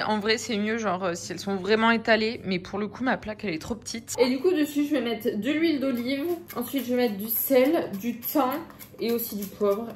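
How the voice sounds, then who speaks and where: A woman's voice: mid-range voice, reverberant. A young woman vlogging casually and enthusiastically in her home kitchen, chatting freely with lots of fillers. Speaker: fitness and food vlogger. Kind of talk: casual vlog chat.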